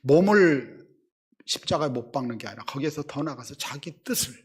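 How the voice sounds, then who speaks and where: A middle-aged man, a senior pastor, preaching a sermon, telling stories and acting out quotes, dropping between loud emphasis and hushed asides. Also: mid-range voice, fast, husky.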